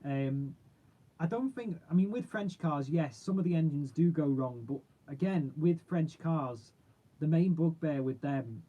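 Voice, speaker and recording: A man's voice: on the high side, measured pace, phone-quality sound. A man, chatting casually and informally as he hosts a livestream and answers viewers, rambling in a matey way. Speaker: car channel host.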